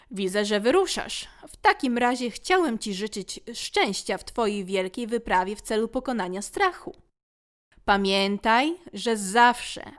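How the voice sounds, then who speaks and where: A big, gentle father from a children's storybook speaks calmly and kindly in a low voice, voiced by a woman narrator. He talks slowly and evenly. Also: lightly acted.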